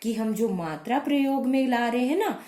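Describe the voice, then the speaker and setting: A woman's voice: a little high, expressive, moderate pace, dark tone. A woman teaching a grammar lesson to young children, patiently explaining and repeating words. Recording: echoey room.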